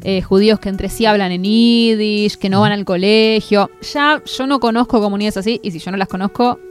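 A woman's voice: mid-range voice, a little fast, faint music behind. A woman from Buenos Aires with a Rioplatense accent, chatting expressively as co-host. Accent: Rioplatense Spanish. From Buenos Aires, Argentina. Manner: lively, expressive, laughs easily. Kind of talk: casual conversation.

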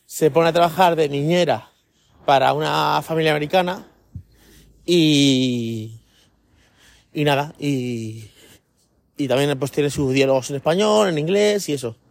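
A man's voice: fairly high pitch, unhurried, vocal fry, pauses often. A man hosting a podcast in a casual solo monologue. He rambles and keeps checking in with his listeners, recorded while walking outdoors. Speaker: podcast host.

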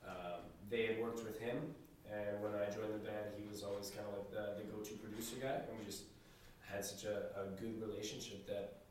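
A man, a band member, chatting casually in an interview, relaxed and rambling, laughing easily. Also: lowish voice, a little fast, a little hiss or hum. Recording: echoey room from far off.

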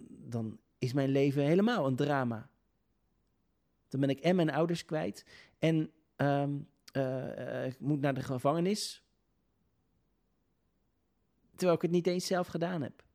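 A man telling a personal story in an earnest, hesitant way, pausing with many filler sounds and restarting his sentences. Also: medium pitch, mellow.

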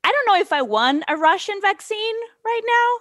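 A woman, co-hosting a casual podcast, animated and joking. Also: very high voice, normal speed, no echo, clean studio sound. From Mexico. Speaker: podcast co-host. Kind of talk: casual chat.

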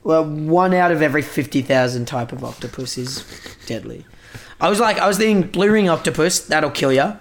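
A man in casual podcast banter with a slightly high-pitched voice. He jokes loosely, swears freely and keeps things light. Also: animated, a little fast, a little hiss or hum. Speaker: podcast co-host. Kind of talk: casual chat.

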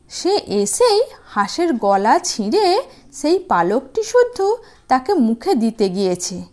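A woman's voice: sits high, darkish tone. A woman hosting and narrating stories for young children, speaking to them in a sweet, sing-song manner. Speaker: children's story channel host and narrator.

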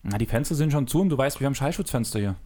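A man with a medium-pitched voice co-hosts a casual chat podcast. He jokes and teases his partner, and he keeps the talk moving with questions. He is recorded indoors in a room with closed windows. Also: expressive, racing, a little mellow. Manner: teasing, joking, drives the conversation with questions. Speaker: podcast co-host.

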